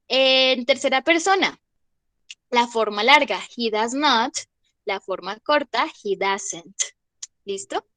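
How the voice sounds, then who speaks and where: A woman's voice: fairly high pitch, fairly bright tone, no echo. A woman teaching an English grammar class in Spanish, explaining patiently and checking in with her students after almost every point. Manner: patient, checks in often with short questions.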